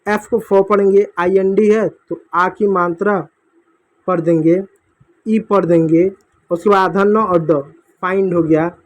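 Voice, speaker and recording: Man, high voice, patient teacher, repetitive step-by-step explaining to kids. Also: steady tone, a little slow. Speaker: English reading teacher. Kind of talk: board lesson for children.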